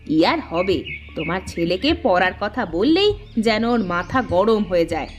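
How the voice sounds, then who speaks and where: A woman voicing a sharp-tongued village mother in a cartoon, scolding and sarcastic. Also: medium pitch, very animated, moderate pace, faint music behind, natural voice. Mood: complaining. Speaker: cartoon voice actress. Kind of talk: cartoon voice acting.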